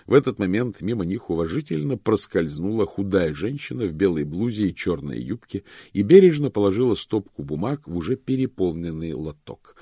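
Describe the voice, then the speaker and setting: A male audiobook narrator telling the story in a low, measured voice. His tone is gravelly and husky, and the recording is close and dry. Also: mellow, dry recording. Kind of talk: scripted narration.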